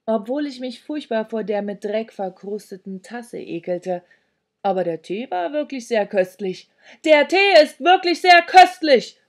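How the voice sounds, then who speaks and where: A woman, the author, reading her children's book aloud in a living room, dramatic, with whispers and shouts. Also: medium pitch. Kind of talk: expressive storybook reading.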